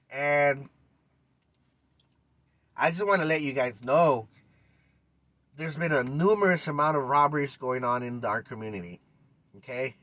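A man's voice: fairly high pitch, a bit bright, no room sound. Male podcast host, ranting style, dry close sound. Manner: ranting, fired up, many "you know"s. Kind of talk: casual monologue.

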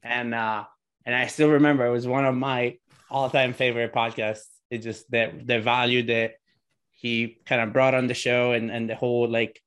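A man's voice: medium pitch, little pitch movement, moderate pace, a bit bright, clean tone. Chatty Italian-born man as podcast guest. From Sardinia, Italy. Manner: chatty, with many restarts and fillers. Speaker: podcast guest, real estate entrepreneur. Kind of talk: casual interview chat.

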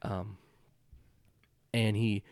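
A man working as game master, improvising tabletop narration in a casual, halting, descriptive way. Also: lowish voice, flat delivery, a little mellow, no echo. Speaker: game master and podcast host.

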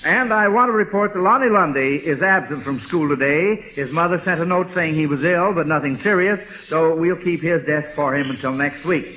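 An American man hosts an old-time radio quiz in a high, bright voice. He talks to the contestants in a folksy, slightly flustered way, on a hissy vintage broadcast. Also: moderate pace, few pauses, low-quality recording. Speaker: quizmaster host.

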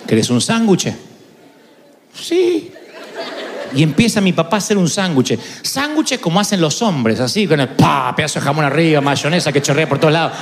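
This preacher has an Argentine Spanish accent and a fairly high voice with lively intonation, talking fairly quickly with few pauses. In his humorous storytelling sermon, he recounts a funny personal tale and playfully voices its characters, against a faint crowd and slight background noise.

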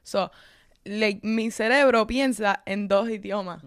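Speaking slowly in a clean, mid-range voice, this content creator, originally from Cuba and now in Miami, mixes English into her casual Spanish. Her accent is Miami Cuban, and the recording is clean studio sound without any room ambience.

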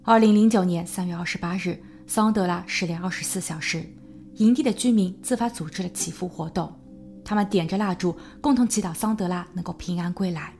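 A woman narrating a true crime podcast in a measured storytelling voice, building suspense as she goes. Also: lowish voice, a little mellow. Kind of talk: scripted narration.

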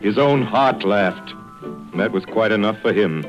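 A man hosting and narrating an old radio show with a measured, stately delivery. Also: on the low side, dull audio, music in the background. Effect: old radio show sound.

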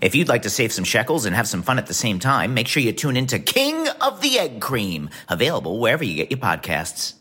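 Man as a husky, swooping, hammy ad character, bright edge. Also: mid-range voice, huge pitch swings, fairly quick, hardly any pauses, heavily acted. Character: man savoring an egg cream in a comic ad.

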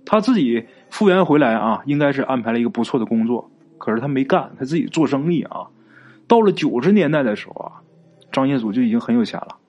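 A man's voice: medium pitch, lively intonation, fast, darkish tone, highs cut off. A man narrating a ghost story in a chatty, folksy way, drawing out particles and speaking straight to his listeners.

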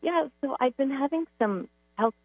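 A woman calling in to a radio show, talking casually and a little haltingly, heard through a phone speaker. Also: high voice, lively intonation, no echo. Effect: heard over a phone speaker. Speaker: caller. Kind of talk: casual call-in chat. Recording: tinny phone line on the radio.

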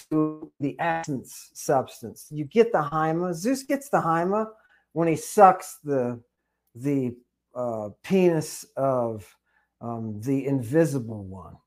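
Animated man with frequent "right?" tags. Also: a little high. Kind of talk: conversational podcast discussion.

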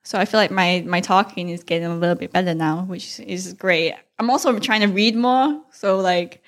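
Speaking at a moderate pace in a voice on the low side, this woman talks with a mixed Thai-English accent. Alone on her podcast, she rambles casually and candidly, often dropping slang and the occasional mild curse.

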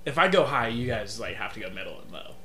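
A man's voice: lowish voice, big pitch swings, fast, pushed and bright. A young man co-hosting a casual sibling podcast, teasing, swearing and laughing. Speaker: podcast co-host. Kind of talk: casual chat.

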